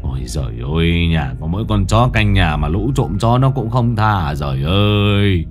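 Một người đàn ông kể chuyện đóng vai một ông lão quê hay lo, than thở và lắp bắp vì sợ. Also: male voice, low voice, expressive, normal speed, faint music behind. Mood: lamenting. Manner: lamenting, stammering. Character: frightened old village man, fretful and deferential.

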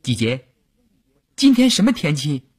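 A man's voice: fairly high pitch, sing-song, a little slow, slightly rough, voice pushed up, heavily acted. A man voicing a teenage girl soldier who teases a friend and then pleads, in a raised voice for an audiobook. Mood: teasing. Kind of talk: audiobook character voice.

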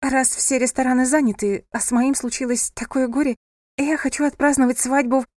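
A woman voicing a panicky, dramatic young bride who wails and complains in a high, loud voice. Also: steady tone, brisk, no room sound, studio quality, natural voice. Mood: panicked. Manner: hysterical, wailing.

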